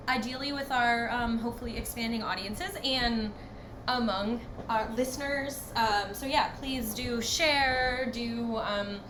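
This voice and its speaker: A young woman co-hosting a podcast, talking in an earnest, reflective way. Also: on the high side. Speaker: podcast co-host. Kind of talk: casual chat. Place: home, far from the other host. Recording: echoey room with background noise.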